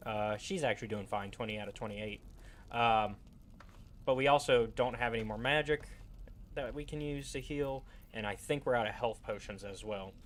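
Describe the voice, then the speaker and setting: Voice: mid-range voice, steady tone, moderate pace, slight background noise. A game player giving casual, rambling commentary and recapping the story informally. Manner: rambling, acts out quotes informally.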